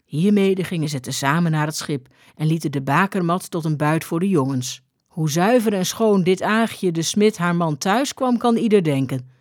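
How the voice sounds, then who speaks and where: A woman reading an old-fashioned story aloud in a measured, deliberate way. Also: lowish voice, lively intonation, darkish tone, no echo, clean studio sound. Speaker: reader.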